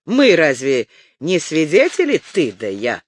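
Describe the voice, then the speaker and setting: A man voicing a hot-tempered young brother who speaks bluntly and gruffly. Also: a little high, huge pitch swings, unhurried, dry recording, full character voice. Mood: suspicious.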